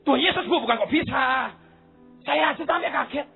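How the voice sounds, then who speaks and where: Animated tinged pastor, tinny sound. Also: male voice, very high voice, a little fast, vocal fry. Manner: animated storytelling, acts out dialogue, shouts at climaxes. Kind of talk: sermon. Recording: tinny phone-like sound with faint music.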